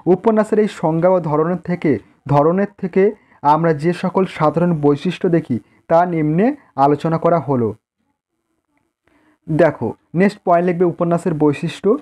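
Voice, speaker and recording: Pausing often at a moderate pace, a man with a Bengali accent reads out exam-prep answers point by point for students. His voice is on the high side and mellow, and he dictates, repeats phrases, and stresses key terms.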